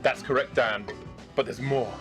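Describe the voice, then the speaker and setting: A man's voice: mid-range voice, fairly even intonation, moderate pace. A man doing a parody ad voice-over in a mock salesman delivery. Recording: ad with loud music.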